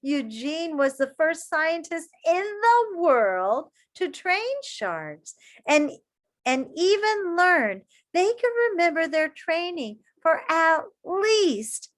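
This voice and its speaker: Reading a children's story like a grade-school teacher, this woman has a very high voice. She sounds expressive and supportive, leaning on key words and turning aside to talk to her young listeners.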